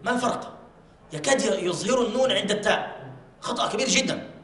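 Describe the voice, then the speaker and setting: A man with a high, bright voice teaches recitation rules and stretches each word slowly to show how it should sound. He is recorded in an echoey mosque hall. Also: animated. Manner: repeats words slowly and drawn out to demonstrate pronunciation. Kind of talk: tajweed lesson with demonstrated recitation.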